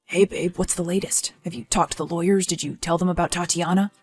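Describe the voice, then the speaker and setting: A woman playing a supportive, inquisitive male partner in a scripted story, low-key and dry. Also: fairly even intonation, a little fast, a little mellow, close to an everyday voice. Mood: concerned.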